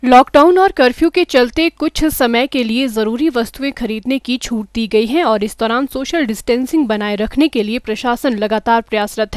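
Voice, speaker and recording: A young woman with an Indian accent reading a scripted news report in a formal, measured way, as a news anchor. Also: on the high side, no room sound. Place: studio.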